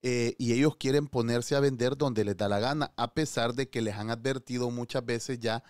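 A man's voice: medium pitch, fairly even intonation, normal speed, a little mellow, no room sound, studio quality. A man giving opinionated news commentary, scolding and firing rhetorical questions. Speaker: political commentator.

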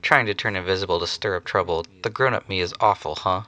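A man's voice: sits low, quick pace, sharp tone. Man doing a cocky little girl Santa. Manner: cocky, snippy. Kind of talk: amateur anime dub.

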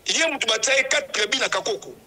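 Guy, club fan, high voice, talks fast and keeps hammering his point. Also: expressive, bright, forceful tone. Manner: insistent, emphatic, repeats his points. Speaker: club supporter. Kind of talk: heated interview talk.

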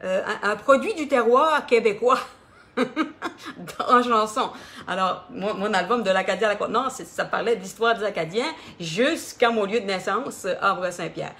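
A middle-aged woman with a Quebec French accent, telling her story in a casual, expressive way on a live stream, with many fillers. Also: medium pitch, moderate pace. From Quebec, Canada. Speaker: singer hosting her own live stream.

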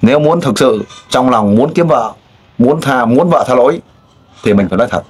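A man runs a casual interview. He pushes and teases, firing off pointed questions one after another. His voice sits at an ordinary middle pitch, and he often breaks off into loud exclamations. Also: expressive, moderate pace, breathy edge. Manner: pushy, teasing questioner with frequent exclamations. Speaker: street interviewer.

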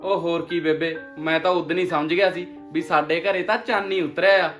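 A cheeky, teasing younger brother, played by a man, always up to mischief. His voice is a bit high and sounds far off in a roomy room. Faint music runs underneath. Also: fairly even intonation, a little fast, a bit bright, lightly acted. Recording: roomy film audio, distant mic, music.

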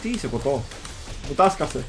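Excitable man trash-talking over a game. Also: mid-range voice. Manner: excitable, swears and trash-talks. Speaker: gaming channel host. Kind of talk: casual gameplay chat. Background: game music.

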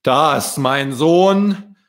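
A man voicing a patient father swan who calmly reassures his son in a storybook reading. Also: fairly high pitch, drawn-out words, pitched above the performer's own voice, exaggerated voice. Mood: reassuring. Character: wise, gentle father swan.

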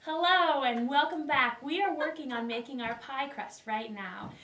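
This cooking-video host speaks at normal speed in a high, bright, forceful voice. She's a young woman presenting her homemade recipe with playful mock formality and frequent giggles, recorded by a distant camera in a cramped wooden kitchen that leaves the audio roomy, far away and faintly hissy.

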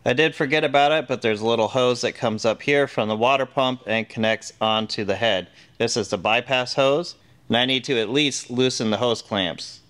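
Working with his hands in a spacious indoor garage, this middle-aged workshop-show host walks through each step plainly and matter-of-factly. He speaks at a moderate pace in a mid-range voice that's a bit bright.

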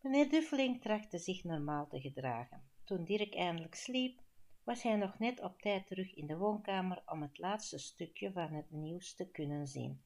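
Flemish lady reading an audiobook, lowish voice, calm. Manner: calm, measured storytelling. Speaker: audiobook narrator. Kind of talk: audiobook narration.

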